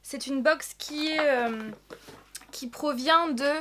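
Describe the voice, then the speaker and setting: Young woman unboxing stuff, high voice, chatty and excitable. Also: takes it slowly, a little hiss or hum. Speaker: vlogger. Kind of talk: casual unboxing chat.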